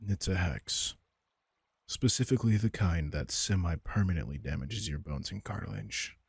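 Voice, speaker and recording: In an intimate comfort audio roleplay, a man voices a protective, worried vampire king, speaking hushed, tender and deliberate. His deep voice is gravelly and husky, expressive and exaggerated, with a grave, explaining mood. The recording is studio quality with no echo.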